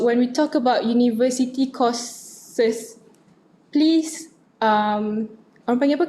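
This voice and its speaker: Her voice is on the high side with a darkish tone. This young adult Malaysian woman, speaking with a Malaysian accent, mixes Malay and English as she reads out students' questions in a relaxed online session and then responds.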